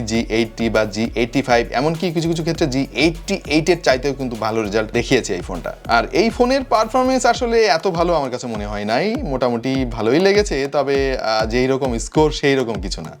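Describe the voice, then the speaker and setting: A man hosting a tech review in a chatty way, addressing viewers as brother. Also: a little high.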